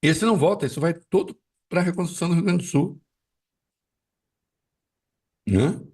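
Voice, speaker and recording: A man's voice: fairly high pitch, moderate pace, a little mellow, husky, recorded from a distance. A man giving live political commentary, arguing with rhetorical questions and frequent fillers.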